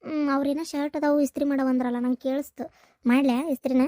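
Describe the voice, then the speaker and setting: A woman voicing a shy, apologetic young daughter-in-law in a cartoon, speaking softly and hesitantly with a North Karnataka accent. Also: high voice, fairly even intonation, fast, no echo, studio quality, lightly acted. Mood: meek. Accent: North Karnataka Kannada.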